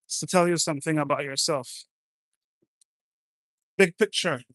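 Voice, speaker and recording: A man's voice: fairly high pitch, a little slow, fairly bright tone, dry recording, clean studio sound. A man from France, chatting casually and bluntly, swearing now and then. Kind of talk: casual chat.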